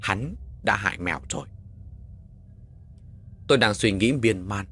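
A man narrating a horror story in the first person with dramatic, expressive delivery. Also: lowish voice, unhurried, husky.

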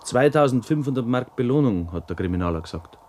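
A man's voice: medium pitch, expressive, fast, darkish tone, slight background noise, natural voice. A man playing a dour, grumbling village man in a radio play.

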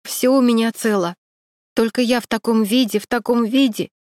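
A woman's voice: a little high, steady tone, moderate pace, darkish tone, no room sound, clean studio sound, pitched above the performer's own voice, natural voice. A woman voicing a tearful young woman who sobs while she talks. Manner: upset, tearful. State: sobbing.

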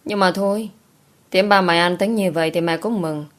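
Lady reading as a stern middle-aged mom, firm and scolding, lowish voice. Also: fairly quick, lightly acted.

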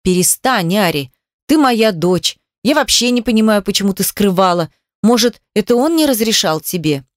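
A woman's voice: mid-range voice, animated, moderate pace, dry recording, studio quality, close to an everyday voice. A woman voicing a middle-aged mother who is pushy, defensive and reproachful on the phone with her daughter.

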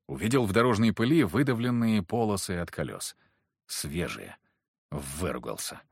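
A man narrating a first-person fantasy audiobook in terse, wry, clipped sentences. His low voice is husky, and it rises and falls in lively, expressive swings. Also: normal speed, no echo, clean studio sound.

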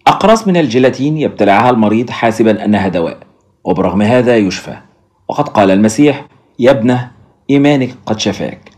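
A man's voice: mid-range voice, animated, fast, a little mellow, close to an everyday voice. A man voicing a proud, blunt Zulu woman nurse in a storybook reading, giving frank, firm answers.

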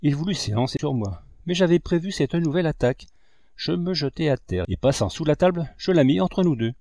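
Man narrating an audiobook, mellow and dry. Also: fairly high pitch, brisk, dry recording. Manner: expressive, dramatic storytelling. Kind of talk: audiobook reading.

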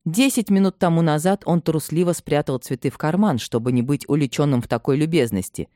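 Expressive woman narrator, low voice. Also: fairly quick, dry recording, studio quality. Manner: expressive, dramatic reading. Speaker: audiobook narrator. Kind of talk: scripted literary narration.

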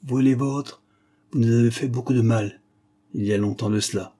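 A man voicing a menacing masked male avenger, hoarse, hissing and imperious as he makes his threats. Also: mid-range voice, fairly even intonation, brisk, mellow, close to an everyday voice.

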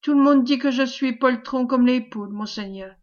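A woman's voice: sits high, normal speed, natural voice. Woman doing a scared young farm boy, shaky, eager, muffled audio. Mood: fearful. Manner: trembling, eager. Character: timid young peasant lad, fearful but greedy.

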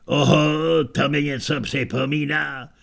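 A man voicing a coarse old barbarian veteran reminiscing loudly in colloquial speech. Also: a little high, steady tone, vocal fry, heavily acted.

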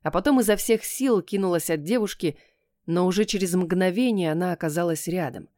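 A woman giving a steady, expressive first-person narration of a fantasy audiobook. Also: mid-range voice, dry recording, clean studio sound.

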